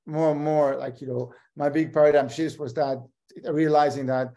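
A man hosting an online conference session over a video call, speaking in a halting way and repeating words as he cuts in. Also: a little high, steady tone, dark tone. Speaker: session host. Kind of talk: conference host chat.

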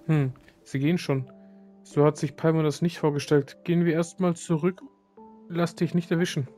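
A man's voice: on the high side, flat delivery, moderate pace, warm tone, faint music behind, lightly acted. A man reading aloud the lines of a small chatty female companion, with slips.

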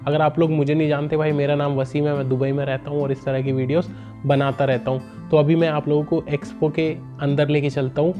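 In a travel vlog, a young adult man chats casually and rambles with loose fillers, first in a small room before a curtain and then walking viewers through an expo. His voice is fairly high, monotone and brisk, with faint music behind it and a tinny, phone-like recording quality.

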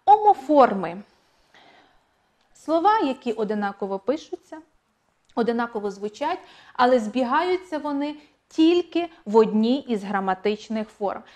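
A woman's voice: a little high, expressive, normal speed, darkish tone. Emphatic woman teaching an online lesson. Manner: clear, emphatic, repeats key points. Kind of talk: online exam-prep lesson.

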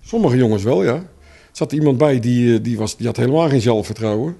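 A man who coaches a youth theater group, telling relaxed anecdotes in an interview. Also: medium pitch, brisk, creaky, breathy edge. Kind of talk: interview answers.

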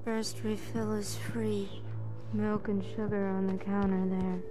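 A woman's voice: mid-range voice, little pitch movement, measured pace, over music, lightly acted, low-quality recording. A woman voicing a sweet, dazed young waitress in a video game, courteous and dreamy, eager to please. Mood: polite.

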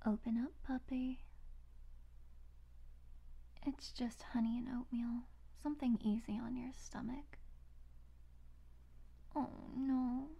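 A woman's voice: high voice, vocal fry, dark tone, breathy edge, heavily acted. A woman playing a possessive, sadistic yandere captor in an ASMR role-play, with a sweet, eerily obsessive, teasing manner.

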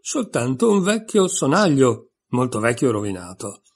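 A man's voice: mid-range voice, very animated, normal speed, breathy edge. A man reading aloud and voicing a sensible, indignant young girl in a raised, earnest voice.

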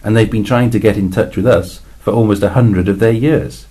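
A man gives a tired alien envoy a very deep, husky, dark voice in a read-aloud sci-fi tale. At a moderate pace and with fairly even intonation, he lays things out in a dry, factual manner, punctuated by exasperated stress.

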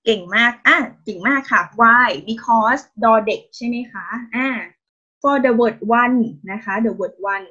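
A woman's voice: fairly high pitch, takes it slowly, pushed and bright, poor audio. A woman with a Thai accent teaching a language class over a video call, patient and encouraging with constant praise and polite particles. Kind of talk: online Thai lesson, mixing Thai and English.

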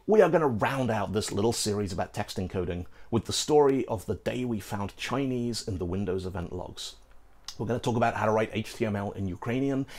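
The host is a middle-aged British man whose voice sits on the low side, presenting a scripted programming lesson. He's animated and playful, gesturing and throwing in asides to the viewer. The studio has a green screen behind him.

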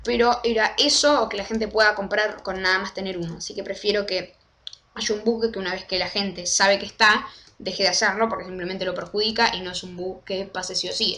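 A young woman, casually walking through a game tutorial step by step and slowing down to spell out commands. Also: mid-range voice, pushed and bright. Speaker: Minecraft tutorial creator. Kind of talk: casual screen-recorded tutorial.

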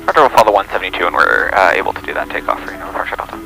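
Sex: man. Role: pilot. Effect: voice heard over the aircraft radio. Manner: clipped, very fast readbacks, very low voice. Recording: clear music underneath. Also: sing-song, poor audio. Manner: clipped radio phraseology, reads back clearances. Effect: pilot talking over the aircraft radio. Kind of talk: radio calls to air traffic control.

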